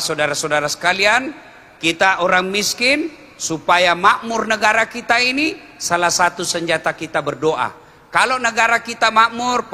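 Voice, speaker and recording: A man delivers a humorous sermon, dropping to low asides and then rising to loud exclamations. His voice is strikingly bright and forceful and sits somewhat high. A long reverb trails his words around the hall. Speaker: preacher.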